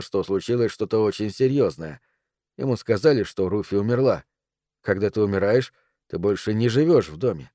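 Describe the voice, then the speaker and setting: A man reading a novel aloud in a calm, measured way. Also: lowish voice, no room sound, studio quality. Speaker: audiobook narrator.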